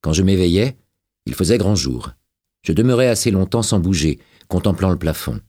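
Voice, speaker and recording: A man narrating a novel as an audiobook, with a dramatic and expressive reading. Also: low voice, normal speed, slightly rough, dry recording, studio quality.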